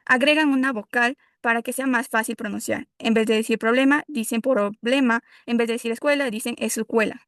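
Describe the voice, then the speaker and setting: A woman's voice: fairly high pitch, quick pace, hardly any pauses, fairly bright tone, no room sound, studio quality. A woman from Ecuador giving a class presentation, explaining with examples and a few restarts. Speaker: student presenter.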